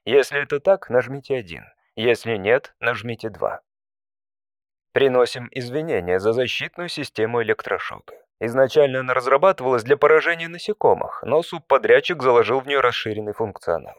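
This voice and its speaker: Man performing an automated phone menu voice, male, medium pitch, politely deadpan, measured prompts, comic audio story, dry close sound. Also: no room sound, close to an everyday voice. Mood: deadpan, apologetic.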